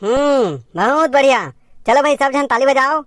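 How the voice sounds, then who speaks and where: A woman's voice: high-pitched, moderate pace, faint music behind. A woman with a Chhattisgarhi accent performing a comedy sketch as a bossy teacher who scolds and directs her pupils.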